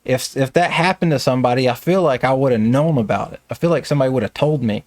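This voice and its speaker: A man's voice: medium pitch, fast, a little mellow, no echo. A man with a Southern American accent who runs a staffing business, telling stories in a casual, plainspoken interview.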